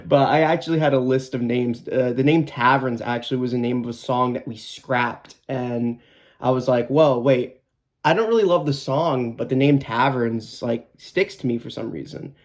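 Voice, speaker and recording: A band guitarist in his twenties answers questions for a documentary interview, speaking at a medium pitch and moderate pace. He's casual and hesitant, with many fillers and restarts.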